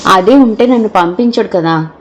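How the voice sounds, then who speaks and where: A woman's voice: mid-range voice, normal speed, close to an everyday voice. A woman voicing a wronged young wife in an audio novel, speaking earnestly and pleadingly. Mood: hurt. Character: wronged young wife, gentle but hurt.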